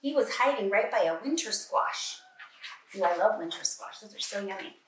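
A middle-aged woman with a medium-pitched voice reads a picture book to small children at a normal speed, sounding animated and encouraging as she exclaims, gasps, and asks them questions. She teaches preschoolers and is seated at a table in her kitchen at home. The mic is distant in an echoey room, with slight background noise.

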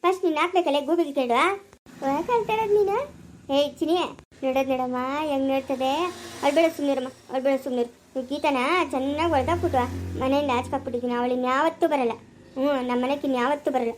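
Woman doing a village mother, sharp-tongued, very high, rapid talk. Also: slight background noise, lightly acted. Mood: soothing. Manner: scolding workers, cooing to baby.

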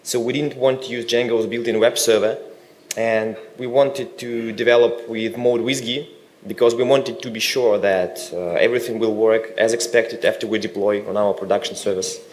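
A man from Russia giving a technical conference talk, with relaxed joking asides. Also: on the low side, normal speed. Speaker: conference speaker. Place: conference hall.

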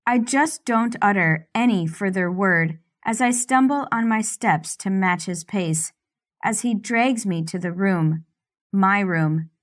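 A woman narrating a first-person romance audiobook in a steady, unhurried reading voice. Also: mid-range voice.

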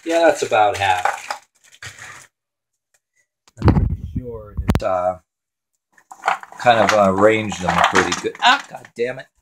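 A man's voice: lowish voice, sing-song, slow pace, pauses often, very noisy. A man hosting a home cooking show in his kitchen, rambling and swearing casually to himself as he works.

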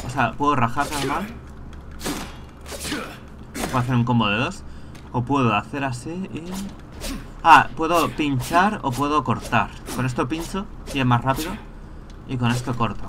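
A man giving casual let's-play commentary, thinking aloud and breaking into excited rants. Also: medium pitch, a little hiss or hum. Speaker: gameplay streamer.

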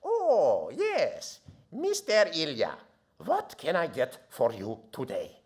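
A woman's voice: sits low, wildly swooping pitch, slow pace, darkish tone, heavily acted. A man voicing a friendly woman behind a sandwich counter, sweetly polite in a sing-song way. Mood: welcoming.

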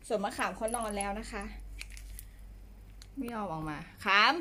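A woman's voice: medium pitch, unhurried, sharp tone, a little hiss or hum. A woman chatting casually on a home live stream, coaxing and baby-talking her pets. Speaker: pet owner streaming live to fans. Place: home condo room.

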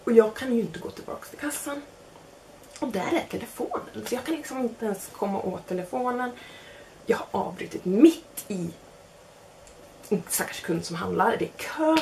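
Young woman storyteller, animated and self-mocking, slightly creaky delivery. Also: fairly high pitch, slight background noise. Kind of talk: casual spoken anecdote.

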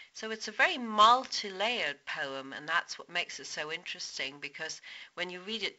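A woman's voice: deep voice, pushed and bright, lo-fi sound. A woman teaching a poetry lesson, explaining meter and imagery step by step. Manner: explanatory, stresses meter aloud. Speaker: literature teacher. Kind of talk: poetry analysis lecture.

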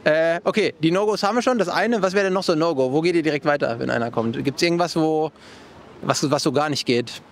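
Young male street interviewer, high-ish voice, rapid and blunt, handheld mic outdoors. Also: a little hiss or hum. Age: young adult. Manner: blunt, casual, quick follow-up questions. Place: busy city shopping street outdoors. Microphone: handheld microphone.

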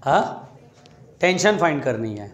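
A man's voice: fairly high pitch, big pitch swings, measured pace, lo-fi sound. A male physics teacher, giving a classroom lecture in a chatty, teasing way, coaxing his students along.

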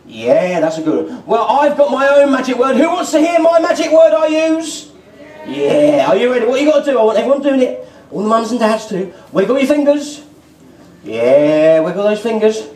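On stage in a festival marquee, a middle-aged British man performs exuberant kids' party magician patter, calling out questions to the children in a very high, very animated voice at a moderate pace with a darkish tone. His amplified voice is captured from afar by an audience camera, giving an echoey tent-PA sound.

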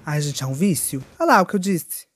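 A woman's voice: deep voice, sing-song, a little fast, soft background music. A woman giving live gameplay commentary, campy and theatrical, with playful swearing at her opponents. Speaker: gaming streamer.

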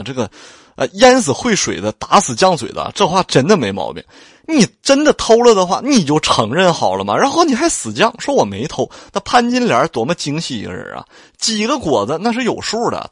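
A man's voice: fairly high pitch, slightly rough, no echo, studio quality. A man narrating a classic novel aloud, retelling scenes and adding chatty commentary to listeners. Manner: chatty, colloquial asides to listeners. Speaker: audiobook narrator. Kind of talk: storytelling with commentary.

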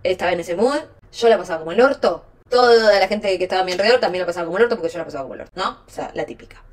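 A woman's voice: on the low side, expressive, very fast. A young woman with a Rioplatense Spanish accent giving frank, slangy advice to her chat on a casual live stream.

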